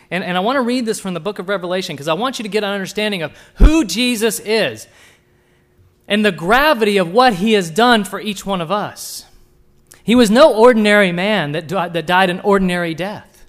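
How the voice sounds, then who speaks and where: A high-pitched man preaches a sermon, putting direct questions to his listeners and swinging between hushed and emphatic delivery.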